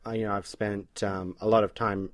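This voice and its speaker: A man's voice: on the low side, moderate pace, no echo, studio quality. A man from Australia with a muddled Australian, British and American accent, chatting casually as a podcast co-host and laughing often. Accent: mixed Australian, British and American. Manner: laughing, animated, mimics characters. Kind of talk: casual chat.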